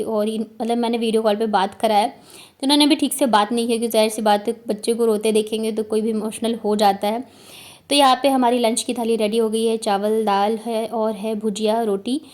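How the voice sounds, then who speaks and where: A woman's voice: a little high, darkish tone. Chatty woman vlogger narrating her day. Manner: chatty, explains step by step. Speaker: vlogger, mother. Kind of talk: casual vlog narration.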